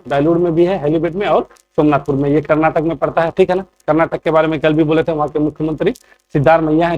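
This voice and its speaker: Male coaching teacher, slightly high voice, lectures with a steady question-and-answer rhythm. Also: highs cut off. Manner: asks quiz questions and answers them, keeps checking in. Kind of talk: classroom lecture.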